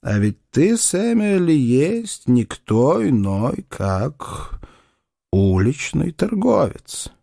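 A stern, pompous older doctor lays down terms slowly and deliberately, voiced by the male narrator. His pitch lifts and drops for emphasis, and the sound is close and dry. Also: very animated, gravelly, warm tone, dry recording, exaggerated voice. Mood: condescending. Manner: pompous, measured.

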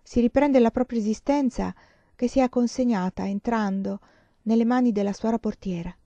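Calm hopeful young woman, storybook, soft-spoken, dull dry sound, a woman reading. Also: fairly high pitch, normal speed, dry recording, lightly acted.

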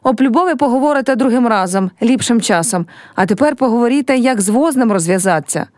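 A woman's voice: on the high side, animated, fast talker, a little mellow, dry recording, studio quality, natural voice. A woman reading a play aloud and voicing a teasing, scheming young village man. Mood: urgent.

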